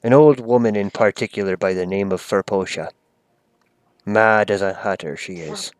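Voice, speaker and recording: A man voicing a secretive, knowing male town cleric in a low, hushed, confiding way. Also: moderate pace, clear, resonant tone, dry recording, close to an everyday voice.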